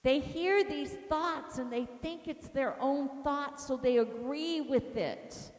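Brief: woman deliverance teacher, high voice, animated storyteller, roomy hall reverb. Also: slow. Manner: animated storytelling, acts out quotes. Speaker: deliverance minister teaching a class. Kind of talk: teaching sermon with personal stories.

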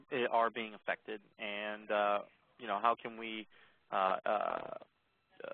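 A man walking listeners through a software demo in a webinar, speaking in a monotone with plenty of ums and uhs. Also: lowish voice. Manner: monotone, self-described; relaxed, many ums and uhs. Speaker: product presenter. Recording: tinny phone-line audio.

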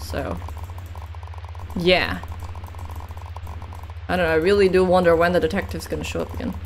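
A woman's voice: lowish voice, moderate pace, slight background noise. A tired, yawning woman giving casual, rambling commentary while she plays a game, swearing casually and laughing often. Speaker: let's play gamer.

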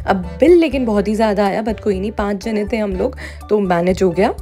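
This cafe review comes from a female vlogger whose mid-range, dark voice moves at a brisk clip. She mixes Hindi and English in a casual voice-over set against background music.

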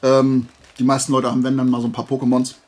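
Speaking quickly in a mid-range, slightly mellow voice with a completely flat delivery, this man is a video creator presenting things he picked up at a flea market. He rambles to his viewers in a loose, playful, colloquial way, drifting off on small tangents.

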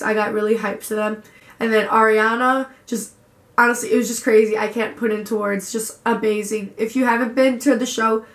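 A woman's voice: fairly high pitch, fairly bright tone, echoey room. A young woman vlogger telling a story in a gushing way and saying "like" a lot. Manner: gushing, lots of "like". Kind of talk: casual vlog storytelling.

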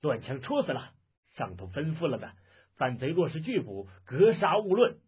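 Man voicing a brutal officer, barking and contemptuous, raspy, lo-fi phone-like sound. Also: a little high, very animated, normal speed, exaggerated voice. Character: arrogant, brutal male army officer. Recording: muffled, phone-like lo-fi audio.

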